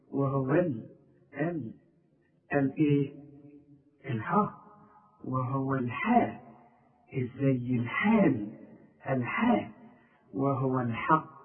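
A man with an Egyptian Arabic accent teaching Quran recitation one-on-one. He corrects pronunciation and stretches words out slowly to demonstrate them. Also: a little high. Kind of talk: one-on-one tajweed lesson. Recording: tinny phone-like line, far from mic.

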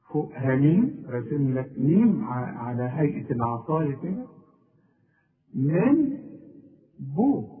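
A man with an Egyptian accent teaches tajweed, pitching his voice a little high and swinging it widely as he stretches out recited example words. He speaks very slowly and keeps asking the listener questions. The sound is thin and tinny, like a phone line. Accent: Egyptian Arabic.

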